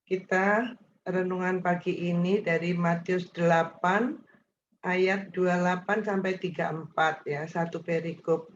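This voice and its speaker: A woman's voice: on the low side, fairly even intonation, measured pace, lo-fi sound. A woman leading a morning devotion, reading scripture and teaching while addressing her listeners directly. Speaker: devotion leader.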